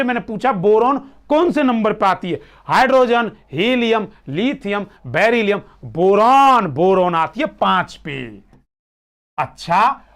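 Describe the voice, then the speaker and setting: A male teacher giving a classroom lecture, playful, calling students by name and quizzing them. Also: high voice.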